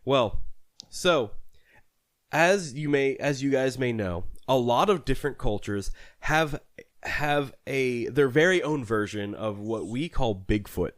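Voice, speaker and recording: A man's voice: mid-range voice, expressive, takes it slowly, dry recording. Young male podcast co-host, easygoing and self-deprecating, tells campfire-style stories; dry close-miked sound. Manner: chatty, self-deprecating, laughs easily. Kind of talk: casual chat and story narration.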